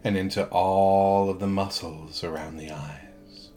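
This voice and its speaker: A man guiding a hypnosis relaxation induction in a soothing, measured way, leaving long pauses between phrases. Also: low-pitched, fairly even intonation, mellow. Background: background music.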